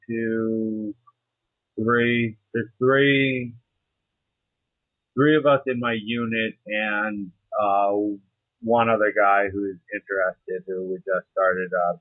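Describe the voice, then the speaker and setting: Young guy, lowish voice, casual and halting, swears a bit, tinny dry phone sound. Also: dry recording. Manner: informal, hesitant, mildly profane. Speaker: interview participant, serving soldier. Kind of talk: casual interview conversation. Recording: muffled narrow phone-like line.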